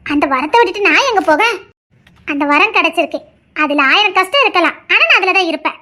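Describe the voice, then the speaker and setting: A woman's voice: very high voice, animated, quick pace, bright, forceful tone, heavily acted. A woman voicing a stubborn, loving young wife in an audio drama, talking earnestly and insistently. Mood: devoted, pleading.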